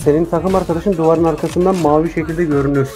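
A man's voice: on the high side, fairly even intonation, fast talker. A man teasing his teammate in sarcastic, casual chat while they play a game together. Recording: loud game music in the mix.

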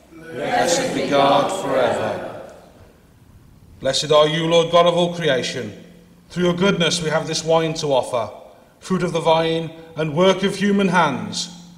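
A man leading Mass, intoning the prayers in a measured, solemn way, with a cathedral echo around him. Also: fairly high pitch. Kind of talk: liturgical prayer, partly sung. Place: large church. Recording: long echo of a large church.

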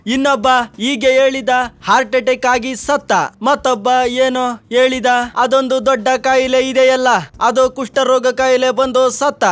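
Guy doing a high-voiced drunk bragging guy, slurry and rambling. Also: level tone, normal speed, hardly any pauses, fairly bright tone, smooth, no echo. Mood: drunken. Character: drunk man passenger, boastful and rambling.

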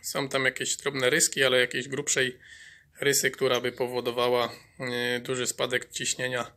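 A man's voice: medium pitch, completely flat delivery, moderate pace, pushed and bright. Hesitant man narrating a workshop repair. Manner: hesitant, many fillers and repeated words. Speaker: mechanic restoring a chainsaw. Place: workshop bench.

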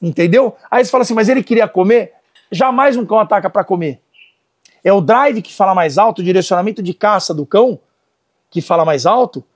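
A Brazilian dog trainer in middle age talks fairly quickly in a high-pitched, slightly breathy voice, with a Brazilian Portuguese accent. During this casual lesson he spins lively stories and issues commands to dogs and helpers alike.

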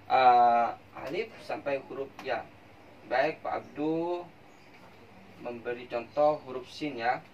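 A man teaches young children to read, patiently drilling syllable after syllable at an unhurried pace. He stands some distance from the microphone in a classroom, and a steady noise sits clearly behind his voice. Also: mid-range voice. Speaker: primary school teacher. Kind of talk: children's reading lesson. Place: classroom at a whiteboard.

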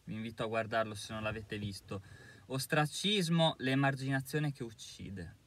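Speaking at a moderate pace in a medium-pitched, somewhat bright voice, this male YouTube commentator gives an emphatic, indignant monologue to camera, pausing on hesitant fillers between points.

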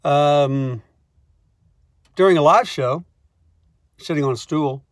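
A man who is a songwriter, telling comic stories in a wry, animated way and acting out the scenes. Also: on the high side, slow, no room sound, clean studio sound. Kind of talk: comic storytelling monologue.

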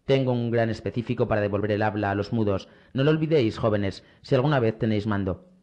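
A man voicing a commanding, shrewd middle-aged prince with a brisk, authoritative manner. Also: lowish voice, a little mellow, lightly acted.

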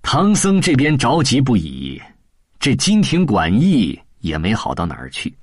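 A man narrating a classic novel as an audiobook in a lively, colloquial storytelling manner, close to the mic. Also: medium pitch, measured pace, slightly rough, no room sound.

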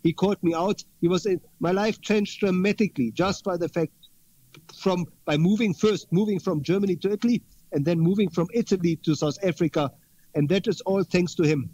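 Man, high voice, interview guest, earnest, repeats words, dull lo-fi sound. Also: fairly quick, mellow. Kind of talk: interview conversation.

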